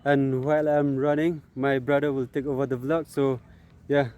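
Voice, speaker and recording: A man's voice: medium pitch, level tone, moderate pace, noisy background. A man with a Northeast Indian accent talking casually outdoors for a running vlog, hesitant and often repeating his phrases. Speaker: vlogger. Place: outdoors on an open grass field.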